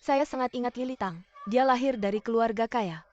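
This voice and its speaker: A woman's voice: on the high side, fairly quick, a little mellow, close to an everyday voice. A woman dubbing a teasing, fond elderly orphanage nanny in a television drama, chatty in manner. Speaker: dubbing actress. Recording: dull sound, music behind.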